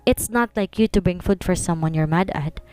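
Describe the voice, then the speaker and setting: A cold, suspicious young man, curt and sarcastic, as a woman narrator puts him on. The voice stays smooth and clear, close and dry. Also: on the low side, normal speed, darkish tone, dry recording, close to an everyday voice.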